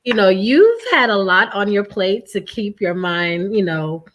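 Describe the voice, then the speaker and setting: A woman's voice: medium pitch, expressive, measured pace. A woman hosting an interview, talking in an effusive way, full of fillers and praise. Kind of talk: interview conversation.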